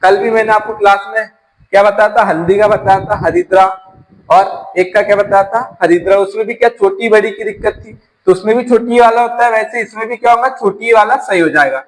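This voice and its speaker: A man's voice: high voice, brisk, a little hiss or hum, poor audio. A man from teaching an exam-prep grammar lesson, explaining step by step and asking his class rhetorical questions.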